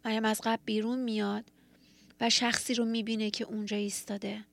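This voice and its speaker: A woman's voice: fairly high pitch, little pitch movement, vocal fry. A woman giving a sermon, retelling a scripture story in an earnest, reflective way. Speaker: preacher.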